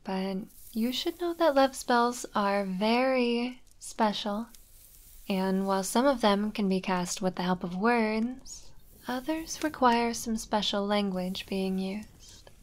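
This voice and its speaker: A woman voicing a gentle witch matchmaker in an ASMR roleplay, speaking in a calm, soothing whisper. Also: medium pitch, takes it slowly, lightly acted.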